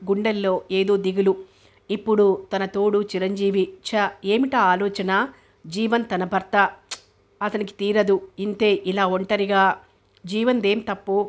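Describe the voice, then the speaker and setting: A woman reads a novel aloud in a steady, measured way. Her pitch stays flat and unvaried, sitting in a middle register for a woman. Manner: steady, even storytelling. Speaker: narrator. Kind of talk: novel audiobook reading.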